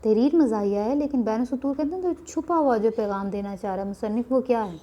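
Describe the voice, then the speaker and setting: A woman's voice: on the high side, mellow, highs cut off. A middle-aged woman teacher reading a play aloud to students, explaining patiently and acting out the dialogue with a raised voice.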